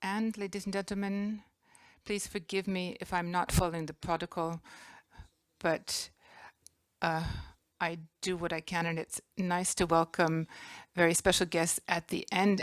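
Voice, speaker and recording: Woman hosting a conference, low-ish voice, formal and gracious, pretty dry sound. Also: level tone, fairly bright tone, clean tone, no echo. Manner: gracious, formal, listing guests with pauses. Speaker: conference host. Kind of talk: formal welcome speech. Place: conference hall.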